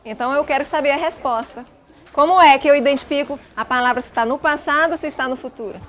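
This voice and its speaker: A Brazilian woman teaching a class of pupils, patiently asking guiding questions and filling her pauses. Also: high voice, a bit bright, a little hiss or hum. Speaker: schoolteacher.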